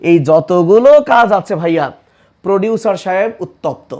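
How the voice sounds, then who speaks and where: A man from Bangladesh teaching a chemistry class, repeating key facts again and again in an energetic lecture style. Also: sits high, normal speed. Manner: energetic, repetitive drilling of facts.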